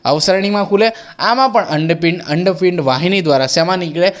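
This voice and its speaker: A man's voice: high voice, fairly quick, lo-fi sound. A young man with a Gujarati accent teaching an exam-prep biology lesson, asking questions and answering them himself, repeating each key term. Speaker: biology tutor.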